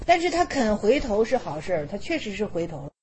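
A woman's voice: mid-range voice, sing-song, fairly quick, darkish tone, slight background noise. A woman, a Buddhist teacher giving a casual dharma talk, chatty and repeating her phrases.

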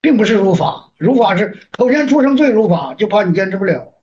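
High-voiced man teaching meditation. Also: big pitch swings, fairly quick, a little mellow. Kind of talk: group meditation Q&A. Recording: dull lo-fi sound with faint noise.

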